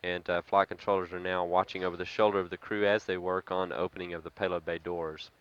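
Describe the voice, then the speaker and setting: A man with a low voice gives live spaceflight commentary as a mission control announcer. His delivery is measured, halting and factual, on a slightly dull, lo-fi feed. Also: little pitch movement, a bit bright, clear, resonant tone.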